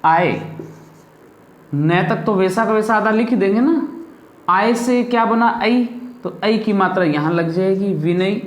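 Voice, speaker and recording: A man's voice: high voice, slow pace, pauses often, roomy sound. A male teacher from India giving a classroom lesson, asking his pupils questions and then answering them himself. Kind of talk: classroom lesson on Hindi grammar.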